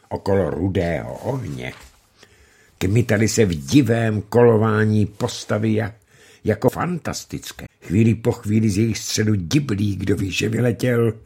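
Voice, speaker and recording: A man narrating a classic novel as an audiobook, reading expressively with pitch that rises and falls. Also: darkish tone, slightly rough.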